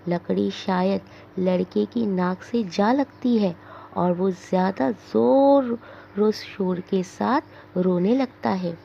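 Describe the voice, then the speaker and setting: Slow, gravelly woman teacher reading. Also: medium pitch, dark tone, a little hiss or hum. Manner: slow, deliberate reading of scene directions. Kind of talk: reading a drama aloud for a class. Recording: dull lo-fi recording.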